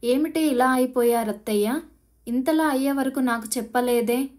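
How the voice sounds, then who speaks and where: A woman's voice: high voice, normal speed, a little mellow, natural voice. A woman voicing a young woman who speaks in a choked, pleading way out of distress and unease. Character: young woman, distressed daughter-in-law figure.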